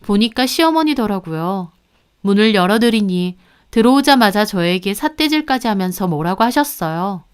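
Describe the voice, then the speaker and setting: Clear-voiced woman narrating a story. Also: medium pitch, expressive, normal speed. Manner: confiding, first-person storytelling.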